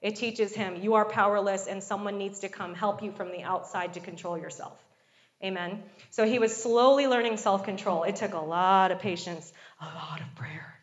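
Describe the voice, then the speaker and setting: A woman's voice: mid-range voice, normal speed. Woman preaching, asking "Amen?". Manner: conversational, frequent call-and-response "Amen?" and "okay?". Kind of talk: sermon.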